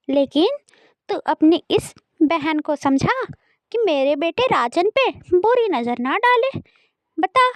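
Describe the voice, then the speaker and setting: A woman voicing a cruel, scornful stepmother who scolds in a shrill, nagging way. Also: dry recording.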